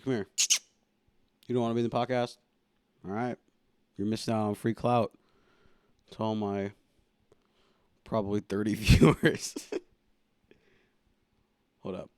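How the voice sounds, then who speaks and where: A man's voice: on the low side, fairly even intonation, normal speed, long pauses, dark tone, smooth, no room sound, studio quality. A young man hosting his own podcast at home, chatting casually and rambling playfully while poking fun at himself. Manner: self-mocking, rambling, playful. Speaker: podcast host. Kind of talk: casual solo podcast chat. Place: home room.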